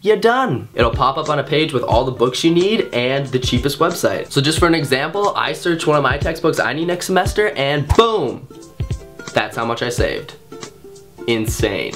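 A man's voice: expressive, moderate pace, fairly bright tone, soft background music. A young man in a casual vlog, talking playfully and breaking into goofy bits. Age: young adult. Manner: playful, jumps into goofy high-pitched bits. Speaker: vlogger.

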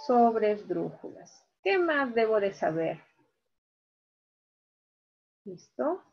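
A woman teacher giving an online lesson, talking slowly and repeating key words syllable by syllable. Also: a little high, big pitch swings, over music. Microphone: video call. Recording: dull video-call audio.

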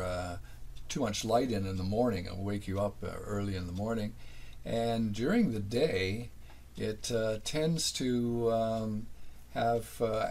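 Older man, halting boat tour. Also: on the low side, gravelly, a little mellow, slight background noise. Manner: unhurried, halting with many fillers. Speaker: boat owner giving a tour. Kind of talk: casual narrated boat tour. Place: small sailboat cabin, then home office.

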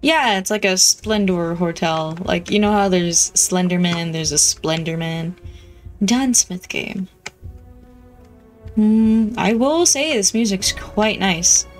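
A woman's voice: mid-range voice, slow, faint music behind, low-quality recording. A woman streamer giving casual, wry commentary as she plays a game, talking to herself. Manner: chatty, wry, talks to herself. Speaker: gameplay streamer. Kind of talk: casual let's-play commentary.

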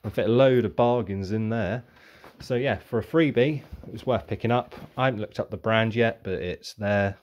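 A man's voice: lowish voice, moderate pace, hardly any pauses, a little mellow, dull audio. A young man chatting casually about his bargain finds, rambling and thinking aloud. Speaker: vlogger reviewing car boot sale finds. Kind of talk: casual show-and-tell.

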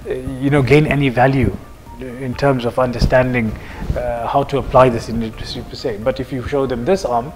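A man in his thirties, originally from South Africa, answers interview questions at a middle pitch, working through examples and pausing on fillers. The room carries a long hall reverb. Faint music plays underneath. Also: flat delivery. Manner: measured, explains with examples, frequent fillers. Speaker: project manager being interviewed. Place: office lounge, seated on a sofa.

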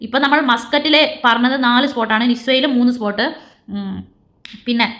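A woman's voice: a little high, a little fast, fairly bright tone. A woman vlogger talking casually to her viewers, chatty and repetitive, with lots of fillers and restarts. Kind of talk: casual direct-to-camera vlog chat.

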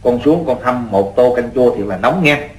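An actor voices a fussy but kind-hearted middle-aged rural father in an old-style radio drama, speaking with a Southern Vietnamese accent in a natural, expressive medium-pitched voice at normal speed. Gently instructing, he orders people about in a folksy, exclamatory way, repeating himself, over roomy echo with music.

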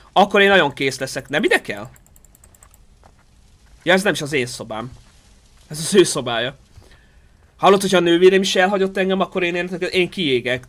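A man streaming a game live, chatting excitably with his viewers, reacting aloud and thanking supporters. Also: sits high.

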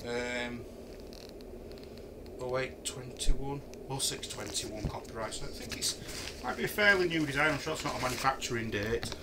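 Recorded very noisily by a camera a few feet away, a middle-aged Yorkshire man reviews a camping chair indoors in his home kitchen. He speaks at a moderate pace and medium pitch, hesitating and thinking aloud with many ums.

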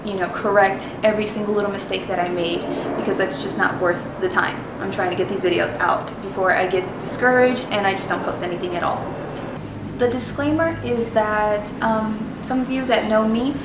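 A young adult woman whose first language is Spanish chats to camera in a casual lesson on travel phrases, full of ums, restarts, and self-deprecating asides. Her mid-range voice keeps a fairly even intonation at a moderate pace. The sound is reverberant and far from the mic, with heavy background noise.

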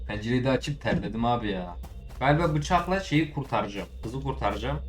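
Excitable teen gamer shouting commentary. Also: male voice, medium pitch, a little fast. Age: late teens. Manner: excitable, swears, shouts at the game; chatty, talks to his viewers. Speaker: gaming YouTuber. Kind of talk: let's play commentary. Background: game music.

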